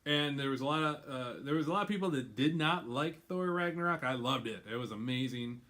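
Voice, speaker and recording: A male host chatting in a casual, rambling way at a middle pitch, often breaking into laughter. His talk wanders between topics before getting back on track. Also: a little fast, bright, forceful tone. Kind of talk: casual chat.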